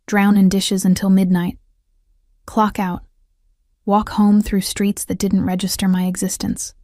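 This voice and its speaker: Brief: woman audiobook narrator, measured first-person storytelling, dark steady tone, monotone, close studio mic. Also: mid-range voice, no echo.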